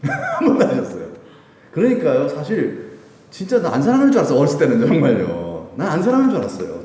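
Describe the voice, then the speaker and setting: A man preaches a Sunday sermon, telling a personal story in a lively way and laughing between phrases. His voice is warm and mellow. He is heard from a distance, with long church reverb and faint ambient noise behind him. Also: medium pitch. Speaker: pastor. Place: church sanctuary. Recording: echoey hall, voice from a distance.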